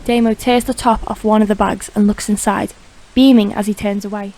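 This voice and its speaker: A woman narrating an audiobook crime drama in a steady, even reading voice. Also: mid-range voice, a little fast, slight background noise. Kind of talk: scripted narration.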